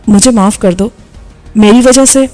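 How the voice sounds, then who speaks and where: A woman voicing a frightened young woman who pleads and defends herself softly in audiobook dialogue, over faint background music. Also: mid-range voice, long reverb tail, natural voice. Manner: soft, hesitant pleading.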